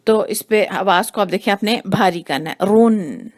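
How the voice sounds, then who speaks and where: Woman patiently teaching Quran recitation. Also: mid-range voice. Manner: slow, demonstrates sounds by repeating them. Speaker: tajweed teacher.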